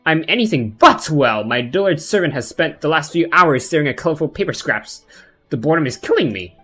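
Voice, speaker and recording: A man's voice: on the high side, lively intonation, brisk, sharp tone, husky, faint music behind, pitched above the performer's own voice, exaggerated voice. Man putting on a pompous, haughty little dragon lord. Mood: bored, scornful. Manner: imperious, insulting, grandiose. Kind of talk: amateur read-aloud of game dialogue.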